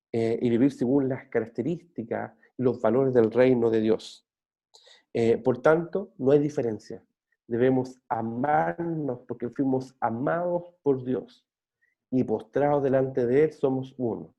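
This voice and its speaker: A man's voice: medium pitch, lo-fi sound. A man, a pastor delivering an earnest sermon with fillers and restarts, then praying. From Chile. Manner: earnest, steady preaching with frequent restarts and fillers. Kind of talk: sermon closing in prayer. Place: church.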